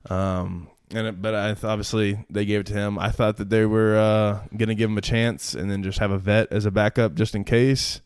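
A pro football player in his twenties chats casually and tells stories in a low, smooth, level voice, talking a little fast with hardly any pauses. The dry studio recording catches his laid-back manner, frequent fillers, and laughter.

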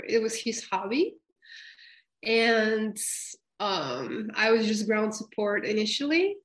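Slow-talking woman, hesitant. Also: a little high, low-quality recording. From Bulgaria. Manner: hesitant, many fillers and restarts, laughs often. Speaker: guest. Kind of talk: casual interview chat.

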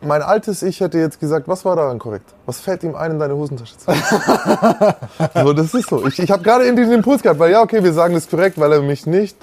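A man's voice: on the high side, expressive, fairly quick, darkish tone, slight background noise. A man who is a former convict, a guest in a casual interview, speaking in an earnest, reflective and emphatic way.

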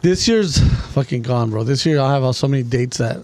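A man's voice: medium pitch, expressive, a little fast, darkish tone. A man in casual conversation, using bro-heavy slang and plenty of swearing. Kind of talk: casual chat.

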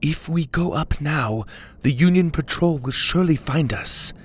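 A man's voice: on the high side, measured pace, breathy edge, voice pushed up. A man voicing a stern, proud young woman pilot in a storybook reading, curt and commanding. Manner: curt, authoritative.

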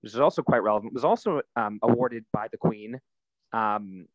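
A man's voice: fairly low pitch, normal speed, dry recording. Man telling his story, dry lo-fi sound. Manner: relaxed storytelling, frequent fillers. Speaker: guest, nonprofit founder. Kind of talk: conversational interview answers.

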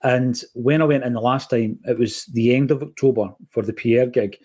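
A man's voice: mid-range voice, normal speed, slightly rough. A man with a Scottish accent, co-hosting a podcast and telling football stories in casual chat. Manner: storytelling, animated when quoting others. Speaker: podcast co-host.

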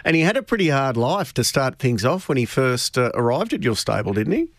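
A man's voice: medium pitch, big pitch swings, brisk. An Australian man hosting a racing radio show, asking eager, upbeat questions in an interview.

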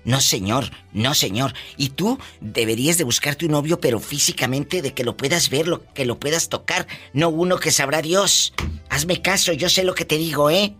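A woman's voice: normal speed, fairly bright tone, husky, faint music behind. A woman hosting a playful radio call-in show, teasing and motherly with callers. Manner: teasing, motherly, bursts into high laughter.

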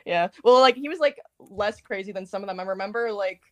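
A woman's voice: mid-range voice, a little fast, a bit bright, a little hiss or hum. A woman in her twenties, a podcast guest, rambling with many fillers and giggles. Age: 20s. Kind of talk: casual chat.

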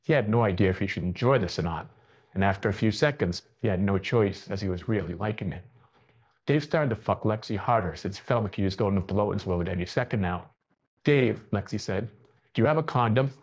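A man narrating a story aloud in a plain, steady reading manner, on a dull lo-fi recording. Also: low voice, fairly quick, slightly rough.

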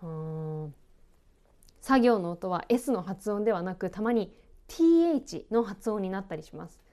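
A woman announcer hosting her own podcast, chatting in a relaxed way, laughing often and poking fun at herself. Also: medium pitch, moderate pace. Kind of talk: relaxed solo podcast chat.

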